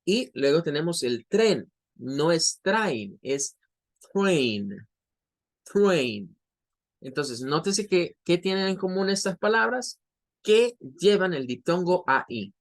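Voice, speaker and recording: A man's voice: a little high, expressive, a little slow. A man teaching an English pronunciation class in Spanish, patiently explaining and stretching out the example words. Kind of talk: online class lesson.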